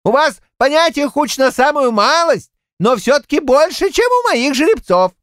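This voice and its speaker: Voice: high-pitched, sing-song, normal speed, fairly bright tone, no echo, clean studio sound. A performer voicing a garrulous, boastful old Cossack man who rambles in folksy village speech, in an audiobook. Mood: self-satisfied. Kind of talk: audiobook character voice.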